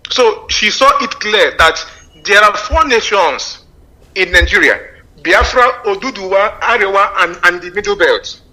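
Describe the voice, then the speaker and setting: Man calling in over a phone line, hesitant and repetitive; voice pitched high and sharply bright. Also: animated. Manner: halting, frequent fillers and repeated words. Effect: heard over a phone line. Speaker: radio call-in caller. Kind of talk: earnest call-in comment.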